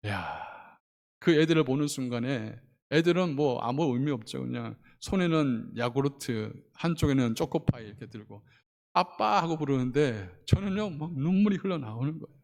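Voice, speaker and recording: A middle-aged man from Korea preaching a sermon as pastor, swinging from loud passionate appeals to hushed storytelling. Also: medium pitch, animated, brisk, creaky. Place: church sanctuary. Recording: long church hall reverb.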